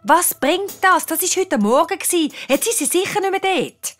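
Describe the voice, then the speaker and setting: Eine Frau mit Schweizer Akzent spricht ein zweifelndes, widersprechendes Schulmädchen in einem Kinderhörbuch. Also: female voice, very high voice, expressive, normal speed, a bit bright, faint music behind, pitched above the performer's own voice. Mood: sceptical. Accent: Swiss German. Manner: protesting, sceptical. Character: doubtful, stubborn schoolgirl friend.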